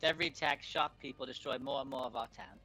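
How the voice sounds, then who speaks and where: A man voicing a weary old village headman who talks gruffly and plainly, swearing under his breath. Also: medium pitch, steady tone, fast talker, pushed and bright, faint music behind, voice pushed up, low-quality recording.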